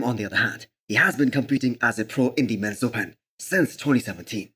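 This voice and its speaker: Male fitness channel host for commentary voice-over: slightly rough, husky tone, medium pitch, opinionated and emphatic delivery. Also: fairly bright tone.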